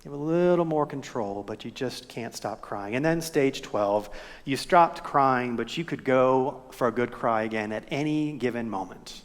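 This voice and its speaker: A male pastor preaching a sermon in a church, expressive, at times dropping his voice almost to a whisper. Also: medium pitch, moderate pace. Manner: expressive preaching, drops to near whisper at moments. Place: church sanctuary. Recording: echoey church hall.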